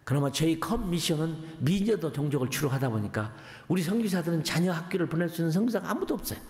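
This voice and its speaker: A middle-aged man preaches from the pulpit with a fairly high, lively voice that rises and falls as he tells his stories. His words echo through a church sanctuary with a long, ringing reverb. The delivery is folksy and anecdotal. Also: fast talker. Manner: folksy, anecdotal, animated storytelling. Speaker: missionary preacher. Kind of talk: storytelling sermon.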